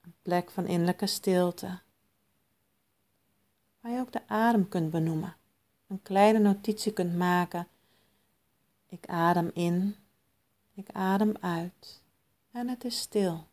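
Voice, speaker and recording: Female meditation guide: soft, soothing, lowish voice, very unhurried, calm, generous pauses.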